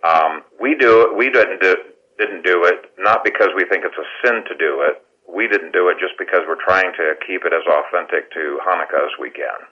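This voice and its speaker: A man's voice: low-pitched, moderate pace, lo-fi sound. A man who grew up in Ethiopia, answering as a guest author on a radio show, hesitant with many fillers.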